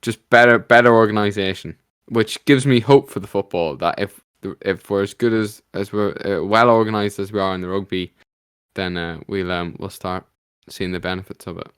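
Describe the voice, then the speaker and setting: Halting man on a podcast. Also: lowish voice, steady tone, fairly bright tone, clean tone, no echo, studio quality. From Ireland. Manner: halting, many restarts. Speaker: podcast co-host. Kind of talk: casual chat.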